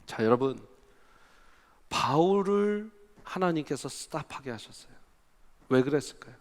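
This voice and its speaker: A male guest pastor from Gyeonggi Province preaching a revival sermon. He speaks in a lively way and keeps asking the congregation questions. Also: on the high side, unhurried, long reverb tail. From Gyeonggi Province, South Korea. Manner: animated, asks the congregation questions.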